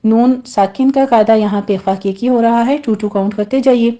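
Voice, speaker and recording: Mellow-voiced woman teaching recitation rules. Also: a little high, steady tone, highs cut off. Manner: patient, step-by-step instruction; models words, then corrects pronunciation. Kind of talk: tajweed lesson.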